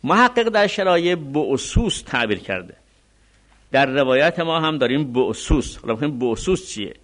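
A man teaching a religious law lesson, reading classical text slowly and then explaining it quickly. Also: fairly high pitch, very animated, fairly bright tone. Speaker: seminary teacher.

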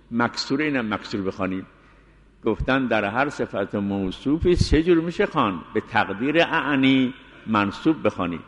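A man teaching a seminary jurisprudence lesson, explaining step by step and slowly reciting Arabic phrases as examples. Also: mid-range voice. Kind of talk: jurisprudence lecture. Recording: long hall reverb.

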